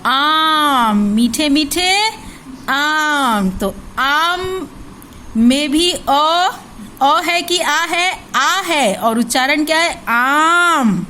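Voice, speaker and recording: A woman's high, bright voice leads a lesson for young children. She spells each word out slowly, syllable by syllable, and answers her own questions. A faint hiss runs underneath. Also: poor audio. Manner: spells words syllable by syllable, asks questions and answers them herself. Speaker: primary school teacher. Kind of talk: slow, drilled recitation lesson for young children.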